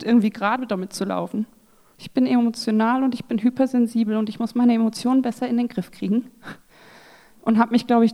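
Young woman, speaker at a church ladies' night; lively, self-mocking sermon delivery, slightly high pitch. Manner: lively, self-mocking, acts out quoted voices. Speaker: speaker at a church women's evening. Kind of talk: sermon talk.

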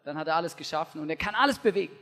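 Man, youth preacher, high voice, slangy and animated, big echoing hall. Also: very fast. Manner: energetic, slangy, acts out the story with shouted quotes and asides. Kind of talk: youth sermon storytelling. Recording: long hall reverb.

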